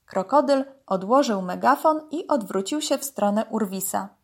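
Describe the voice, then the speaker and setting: A woman narrating a children's animal story, reading aloud gently. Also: on the high side, expressive, normal speed.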